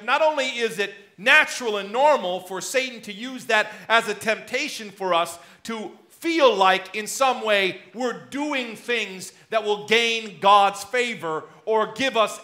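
A man in his thirties preaching a sermon in a church sanctuary, his loudness rising and dropping as he gestures. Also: sits high, lively intonation, unhurried, hardly any pauses. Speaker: pastor. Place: church sanctuary before the altar.

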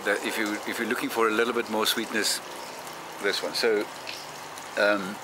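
A man's voice: fairly low pitch, flat delivery, moderate pace. A man in a casual review video, speaking with a pipe in his mouth, rambling and hesitant with many fillers. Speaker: pipe tobacco reviewer, pastor. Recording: noisy background.

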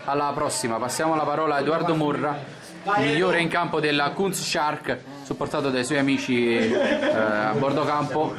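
A man's voice: a little high, normal speed. A man conducting post-match sports interviews as the interviewer. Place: small tiled locker room. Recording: very noisy shouting locker-room crowd.

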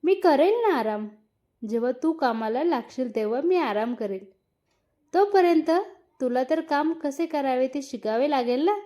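A woman's voice: high voice, expressive, normal speed, dark tone. A woman voicing a teasing, eager young husband, playful and insistent, in a read-aloud story.

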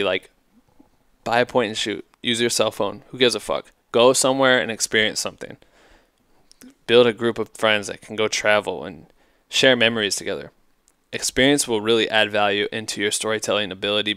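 A man's voice: lowish voice, a bit bright, smooth, no echo, studio quality. A man in his thirties hosting a podcast, giving casual advice in a profane, emphatic, rambling way on a headset mic in a hotel room. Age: 30s. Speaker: podcast host. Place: hotel room at night, indoors.

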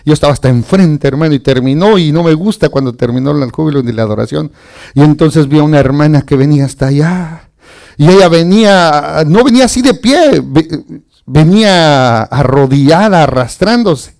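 A man preaching a lively sermon, often chuckling and calling his listeners brother. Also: a little high, normal speed, creaky.

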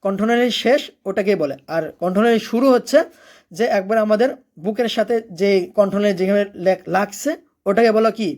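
A teacher gives a recitation lesson in a voice of middling pitch. Rules are laid out step by step, then verses are drawn out slowly and melodically. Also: darkish tone.

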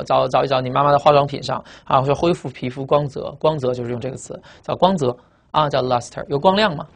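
Fast-talking male vocabulary teacher. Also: medium pitch, vocal fry. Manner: repeats words, explains with memory tricks, frequent filler "啊". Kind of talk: recorded vocabulary lesson.

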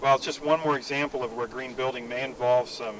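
A man's voice: medium pitch, steady tone, fairly quick, recorded from a distance, crowd noise, rough recording. A middle-aged man interviewing a guest outdoors at a recycling yard, friendly and inquisitive, on a lapel mic. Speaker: interviewer, technical director. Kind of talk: on-site interview.

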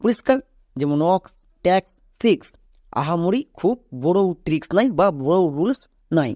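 A man teaching English pronunciation, explaining rules step by step and checking with quick questions. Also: high voice, animated, dark tone, no room sound. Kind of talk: explanatory lesson, addressing viewers directly.

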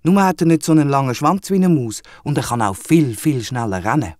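A man's voice: medium pitch, animated, brisk, a little mellow, dry recording, clean studio sound. A man with a Swiss German accent narrating a children's audio drama in a playful, chatty way with little asides.

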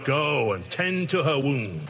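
An actor playing a commanding ghostly pirate lord in a video game, giving instructions in a measured way. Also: male voice, mid-range voice, very animated, vocal fry, fairly bright tone, slight background noise, full character voice. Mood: instructing. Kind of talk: video game character acting.

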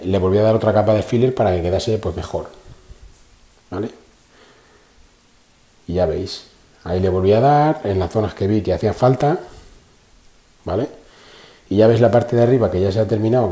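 This is a male car channel host walking through a casual how-to in an indoor garage, his phone in one hand picking up a lot of echo. He has a mellow low voice and a chatty style full of fillers and repetition.

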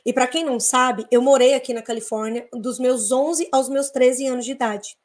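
A woman from Brazil hosting a casual live talk to her followers, blunt and emphatic, swinging between loud outbursts and quiet asides. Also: high-pitched, steady tone, moderate pace. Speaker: host of a live business talk.

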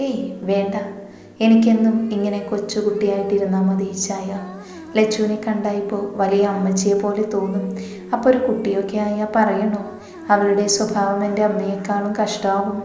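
A woman voicing a playful, teasing young woman in a read-aloud love story, speaking in an even, level tone. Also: medium pitch, moderate pace, lightly acted. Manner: teasing, coaxing. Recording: echoey room with long reverb.

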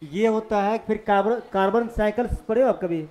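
Mixing Hindi and English with a Jharkhand accent, a man teaches physics to a class, dictating notes and testing students with questions. He has a high, slightly mellow voice and a brisk pace.

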